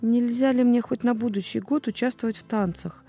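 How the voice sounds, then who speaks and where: Female reader voicing a young little witch, timid and pleading, raised pitch, soft music behind. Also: normal speed.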